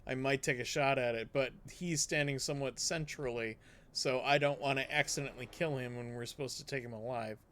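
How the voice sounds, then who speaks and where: A man's voice: medium pitch, fairly even intonation, a little fast, fairly bright tone, slight background noise. A man playing a tabletop game, wry and blunt, swearing casually. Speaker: player.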